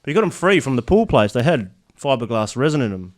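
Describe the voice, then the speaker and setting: A man's voice: mid-range voice, big pitch swings, fast. Laughing Australian storyteller, middle-aged man. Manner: rambling yarn-spinner, laughs often, trails into restarts. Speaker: podcast guest. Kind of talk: casual storytelling chat.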